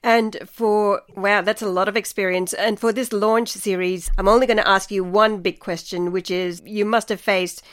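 A woman's voice: mid-range voice, fairly even intonation, moderate pace, hardly any pauses. Woman hosting an interview podcast. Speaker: podcast host.

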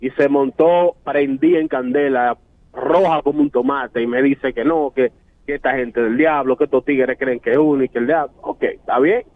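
A man's voice: medium pitch, fairly even intonation, normal speed. A man with a Dominican accent, an Uber driver telling a slangy, swaggering anecdote on a radio show. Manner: streetwise, slangy, swaggering storyteller. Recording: tinny, dry phone line.

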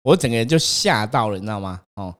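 Guy, talks quick, animated storytelling, acts out the quotes. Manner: animated, acts out quotes, rises in pitch when scared. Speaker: host, exorcist telling his own ghost story. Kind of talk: casual chat, storytelling.

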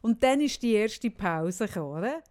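A Swiss German woman in her forties tells a story in casual conversation, animated and chatty. Her voice sits slightly high, and she keeps checking in with "oder?" as she goes. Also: normal speed. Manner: animated storyteller, often tags lines with "oder?". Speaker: podcast co-host telling a story. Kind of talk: casual chat.

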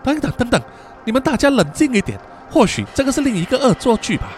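A man voicing a frightened teenage student who urges everyone to calm down, over soft background music. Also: very high voice, quick pace, voice pushed up. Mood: scared.

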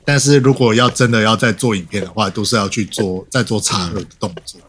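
A man's voice: on the low side, fast, a bit bright, a little hiss or hum. A man, a podcast guest explaining game lore in a casual, matter-of-fact way.

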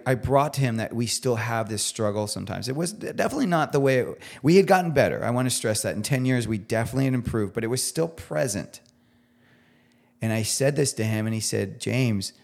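A man with a gravelly, fry-tinged voice speaks as a podcast guest. His pitch sits in a middle range, and he talks earnestly and emphatically in relaxed conversation. He sounds heartfelt, close to tearing up at moments. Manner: heartfelt, gets teary. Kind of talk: casual conversational interview.

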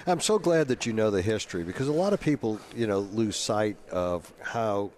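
A man's voice: on the low side, expressive, normal speed, darkish tone, slight background noise. A man hosting a live radio interview, chatty and laughing easily with rambling asides. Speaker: radio host.

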